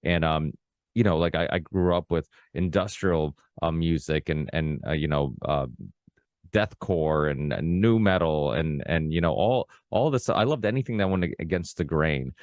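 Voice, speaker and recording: A Portuguese-born man around forty, a native Portuguese speaker, hosts a casual long-form podcast conversation, rambling along with frequent restarts and fillers like "you know, like." His voice rumbles low and darkish at a moderate pace, and the audio is dull with no room sound.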